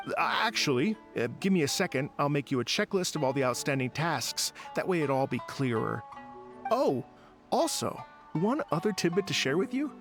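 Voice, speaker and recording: A man's voice: mid-range voice, natural voice. An actor playing a courteous young male event organizer who hesitates with small fillers and sounds a little fussy. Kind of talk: video game voice acting.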